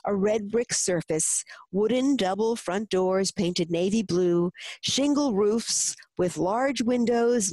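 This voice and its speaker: A woman narrating a children's story in an expressive storytelling manner. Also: medium pitch, no room sound.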